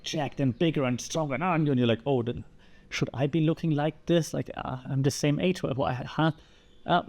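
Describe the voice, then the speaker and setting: A man hosting a podcast, explaining ideas in a lively way and asking the listener rhetorical questions. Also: on the high side. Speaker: podcast host.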